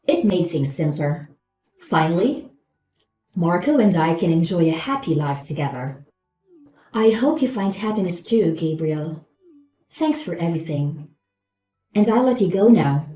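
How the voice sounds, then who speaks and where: A woman's voice: fairly low pitch, mellow, echoey room, low-quality recording. A woman acting a gloating, falsely polite new wife in a scripted story, with a saccharine, condescending manner.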